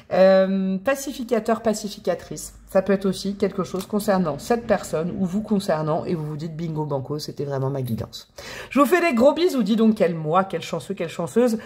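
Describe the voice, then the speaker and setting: A woman's voice: lowish voice, darkish tone. A woman giving a casual tarot reading to camera, chatty and playful, calling her viewers affectionate pet names. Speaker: tarot reader.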